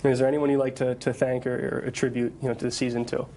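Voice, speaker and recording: A man's voice: mid-range voice, flat delivery, quick pace, warm tone, slight background noise. A man hosting an awards show live in a studio, presenting and interviewing in a congratulatory manner. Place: studio set with people present.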